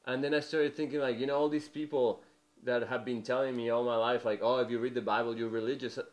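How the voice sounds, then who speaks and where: A man's voice: medium pitch, level tone, fast. Earnest young man from Mexico preaching. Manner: earnest, conversational, many "you know" fillers. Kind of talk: testimony sermon.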